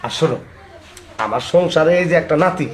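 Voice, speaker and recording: A man's voice: a little high, expressive, brisk, lightly acted. A man playing an old grandfather who has just married a young bride, bossy and suspicious in a comic drama. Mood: teasing. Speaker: old groom. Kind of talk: comic audio drama acting.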